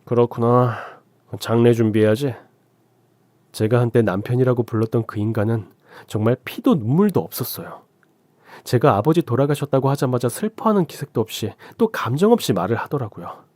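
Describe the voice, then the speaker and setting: A man giving scripted first-person narration of a radio drama in an even storytelling voice. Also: mid-range voice, a little fast, dry recording.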